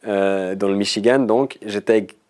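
A man in his thirties from Switzerland with a Swiss French accent, a guest telling stories in a casual interview, often pausing with hesitations. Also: on the low side, fairly even intonation, a little mellow. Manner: chatty, storytelling, frequent hesitations. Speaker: guest comedian.

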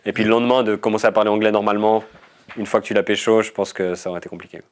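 A man in his thirties from Switzerland with a Swiss French accent, a guest telling stories in a casual interview, often pausing with hesitations. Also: on the low side, flat delivery. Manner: chatty, storytelling, frequent hesitations. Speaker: guest comedian.

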